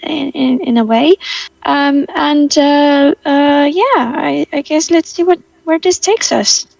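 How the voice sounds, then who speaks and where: A fairly high-voiced woman with a gravelly edge talks slowly and haltingly, repeating words as she searches for them. She sounds distant from the microphone in a dry, dead space. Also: darkish tone, no echo, muffled recording. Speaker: player. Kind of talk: casual talk about her character.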